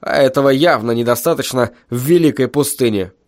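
A man voicing a big, sunburnt, jeering male road foreman in an audiobook, talking in a loud, laughing, mocking way. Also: mid-range voice, brisk, natural voice. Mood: lecturing. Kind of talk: audiobook character voice.

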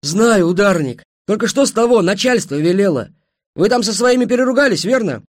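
A man voicing a gruff, plain-spoken middle-aged train driver in an audiobook. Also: medium pitch, very animated, normal speed, fairly bright tone, no room sound, studio quality. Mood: defensive.

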